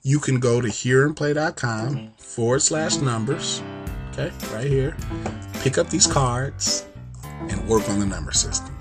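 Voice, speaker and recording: A man's voice: mid-range voice, a little slow. A man hosting a casual piano lesson, talking energetically and checking in with viewers with "okay?" as he explains. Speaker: piano teacher and host.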